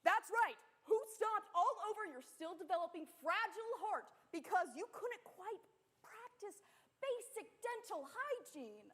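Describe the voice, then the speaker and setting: A woman's voice: very high-pitched, lively intonation, unhurried, fairly bright tone, heavily acted. A woman playing a gleefully cruel game show host in a comedy sketch, announcing prizes in a showy, mocking way.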